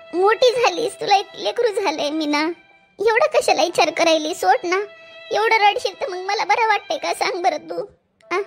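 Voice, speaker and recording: A woman voicing a loving, ailing mother who coaxes and soothes her grown daughter, in a cartoon. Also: very high-pitched. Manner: coaxing, soothing. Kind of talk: cartoon voice acting.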